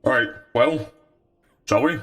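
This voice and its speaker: A man leads a crew in a virtual-reality roleplay, talking in quick, practical commands. His voice comes through a gas mask filter that makes it sound tinny and metallic. His pitch sits in an ordinary middle range. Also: a bit bright, soft background music. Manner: brisk, giving orders. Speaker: roleplayer leading a fire crew. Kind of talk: casual in-character roleplay.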